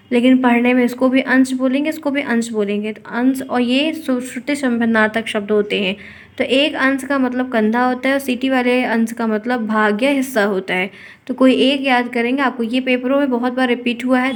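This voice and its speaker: A young adult woman teaching an exam-prep class, explaining patiently, repeating key points and mixing in English words. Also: a little high.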